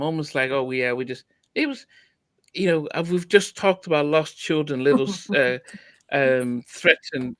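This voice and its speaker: A man's voice: mid-range voice, fairly bright tone, dry recording. A man hosting a podcast, chatting casually about an album with lots of restarts. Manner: hesitant, many restarts and fillers. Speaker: podcast host. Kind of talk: casual music review chat.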